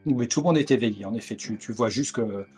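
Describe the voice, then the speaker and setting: A man's voice: mid-range voice, quick pace, mellow, husky, soft background music. A man narrating a tabletop horror game as game master over a video call, with many hesitant fillers. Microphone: headset on a video call.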